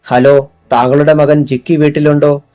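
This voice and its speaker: A man's voice: fairly high pitch, level tone, moderate pace, warm tone, faint music behind, close to an everyday voice. A man voicing a pushy young male newspaper reporter who asks direct, insistent questions.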